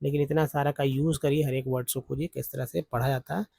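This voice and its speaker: A man teaching English phonics from slides, explaining word parts slowly. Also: medium pitch, level tone, creaky, warm tone, husky, no room sound. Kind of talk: slide-based phonics lesson.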